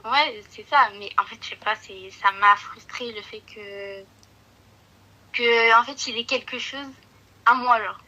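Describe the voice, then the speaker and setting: A woman's voice: a little high, measured pace, bright, forceful tone, muffled recording. A woman guest on a live stream, explaining herself hesitantly in a casual, confiding chat.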